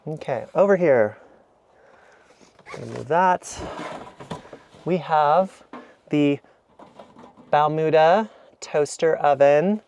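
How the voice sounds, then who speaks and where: A man's voice: fairly high pitch, drawn-out words, long pauses, a little mellow, a little hiss or hum. A man in a camper van giving a chatty, rambling, self-deprecating tour of his kitchen, filmed on an action camera. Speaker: vlogger. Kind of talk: casual kitchen walkthrough vlog.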